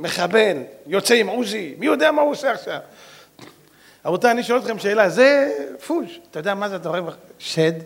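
A man preaching a sermon, animated and directly addressing his listeners, switching voices to act out stories. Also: high voice, breathy edge.

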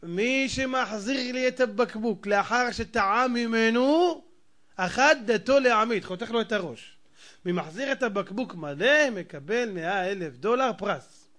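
A man telling a parable in a sermon, animated and dramatic, chuckling as he goes. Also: very high voice. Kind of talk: storytelling sermon.

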